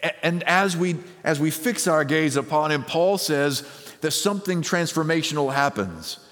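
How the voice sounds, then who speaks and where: A man preaching a sermon as pastor, measured and emphatic, with deliberate pauses and repeated phrases. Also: fairly high pitch, lively intonation, a bit bright. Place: church sanctuary. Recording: long reverb of a large hall.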